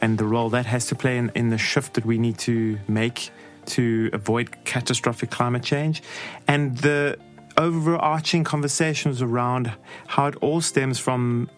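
Man, podcast interviewer, average pitch, informal, halting, conversational. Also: steady tone, faint music behind. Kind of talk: casual podcast talk. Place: podcast studio.

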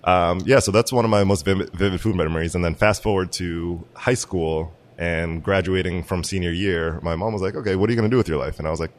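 A man from Massachusetts, a chef and restaurant owner, talks in a casual interview. His voice is very deep. He tells his story in an easygoing, enthusiastic way. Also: fast talker, few pauses.

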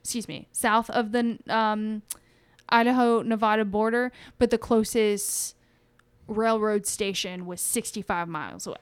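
A woman's voice: mid-range voice, fairly even intonation, unhurried, smooth, no room sound. A woman co-hosting a podcast, telling a story in a rambling, chatty way and often correcting herself. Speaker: podcast co-host. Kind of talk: casual storytelling chat.

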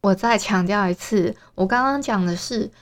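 Casting: female podcast host, Taiwanese accent, smooth crisp voice, casual and chirpy direct address. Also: medium pitch, normal speed. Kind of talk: casual solo podcast talk.

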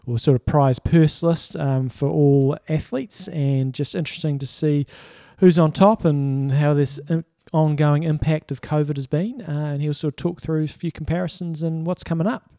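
A male podcast co-host talking sport in a casual, matter-of-fact way. His voice sits a little high for a man yet stays relaxed and mellow. The sound is close and dry. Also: moderate pace, few pauses, dry recording.

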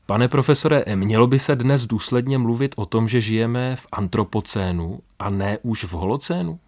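A man's voice: medium pitch, darkish tone. A man hosting a radio interview, who asks formal, carefully composed questions.

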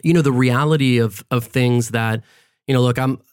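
A man's voice: medium pitch, steady tone, normal speed, clean tone, dry recording. Man, forties, reflective storyteller, casual podcast chat, dry close sound. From Florida. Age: 40s. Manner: reflective, storytelling, frequent "right?" and "you know". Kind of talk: casual conversation.

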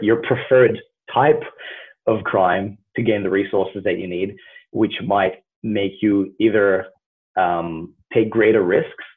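Low husky man on a tinny line. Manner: earnest, hedging with many fillers. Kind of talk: casual conversation.

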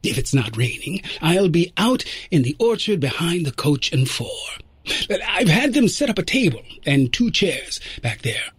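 A man's voice: fairly high pitch, sing-song, unhurried, breathy edge, no echo, voice pushed up, exaggerated voice. A man voicing a genteel older time traveler who muses and lectures with small stammers. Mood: gentle.

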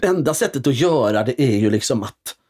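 A man, an actor and comedian, telling theater anecdotes in a loose, animated way, often restarting with hesitations. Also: mid-range voice. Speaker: stage actor and comedian guest. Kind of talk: casual anecdotal storytelling.

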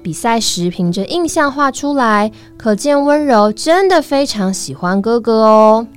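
Expressive woman reading a children's story. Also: on the high side, unhurried. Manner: expressive, sing-song storyteller. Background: faint music.

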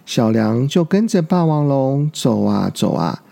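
Male storyteller for kids' audio, gravelly and slow, deliberate reads. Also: medium pitch, sing-song, dark tone. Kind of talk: children's story reading.

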